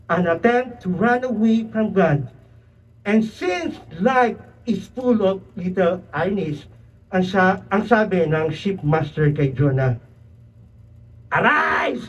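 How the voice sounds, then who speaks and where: A man preaching an animated sermon who keeps calling "Amen?" to the congregation and mixes in English phrases. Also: high-pitched. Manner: mixes English into his talk. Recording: distant, dull church recording.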